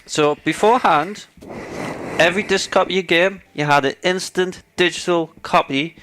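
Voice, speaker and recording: A man's voice: high-pitched, moderate pace, bright, forceful tone. A man co-hosting a casual gaming chat show, ranting sarcastically and getting worked up about his topic. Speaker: podcast co-host.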